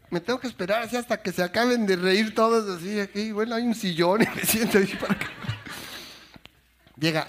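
A man's voice: high voice, a bit bright, a little hiss or hum. A man doing a stand-up comedy routine on stage, telling stories animatedly and acting out the characters' lines. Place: stage before a laughing audience.

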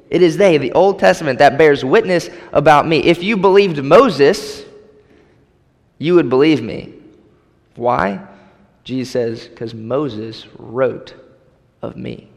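A man preaching a sermon as pastor, emphatic and repeating key phrases for weight. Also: medium pitch. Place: church sanctuary. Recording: long hall reverb.

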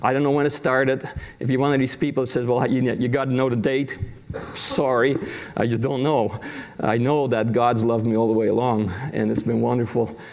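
A guest pastor raised in the Netherlands, a native Dutch speaker, delivers a sermon in a relaxed, chatty manner, sprinkling in self-deprecating jokes. His voice is medium in pitch.

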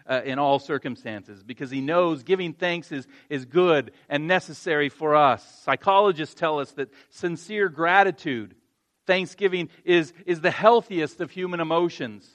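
A pastor with a fairly high, fairly bright male voice delivers a conversational sermon at a moderate pace. He shares a personal story, punctuated by self-deprecating laughs, before urging his congregation with earnest emphasis.

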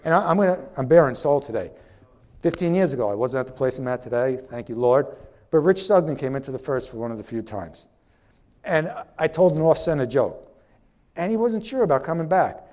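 A man's voice: mid-range voice, lively intonation, brisk, darkish tone. A middle-aged man preaching a sermon as pastor, impassioned and preachy, sweating as he talks. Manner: impassioned, preachy, acts out little dialogues.

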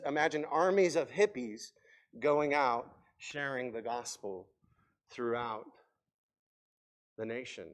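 A man, a pastor, preaching a sermon and telling a story with impassioned rises and quiet drops. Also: on the high side. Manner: impassioned storytelling, rising and falling emphasis.

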